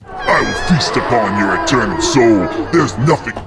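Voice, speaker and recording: An actor playing a possessed, menacing and pompous demon who makes theatrical villainous threats in comedy. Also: male voice, medium pitch, lively intonation, measured pace. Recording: loud music under the voice.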